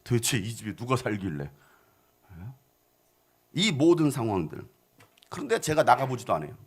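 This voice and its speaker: A male pastor preaching a lively sermon, acting out voices and quotes with a playful, animated manner. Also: medium pitch, moderate pace, a little hiss or hum.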